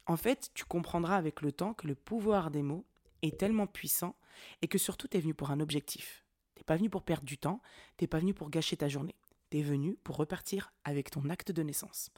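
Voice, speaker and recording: A woman's voice: low-pitched, fairly quick. A woman hosting a podcast, telling stories in casual slangy French and acting out the quotes. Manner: slangy, animated storytelling with acted-out quotes. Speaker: podcast host. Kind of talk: casual monologue.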